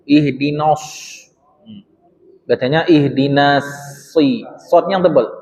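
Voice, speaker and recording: A man's voice: fairly high pitch, animated, a little mellow, a little hiss or hum. A man, a religious teacher, giving a study-circle lesson on Quran recitation, stretching out recited phrases and quizzing his listeners. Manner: slowly drawn-out recitation demonstrations, quizzes the congregation. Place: mosque hall. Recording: echoey mosque hall, dull sound.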